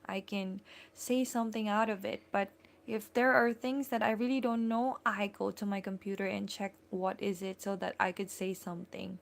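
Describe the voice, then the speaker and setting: A woman's voice: mid-range voice, fairly even intonation, moderate pace, gravelly. A woman with a Filipino accent hosting a casual live stream from home, chatty and full of fillers as she greets and thanks viewers by name. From Philippines.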